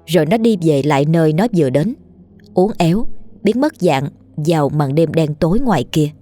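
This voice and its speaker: A woman reading a horror story aloud in a steady, measured and grim narration. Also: sits low, soft background music.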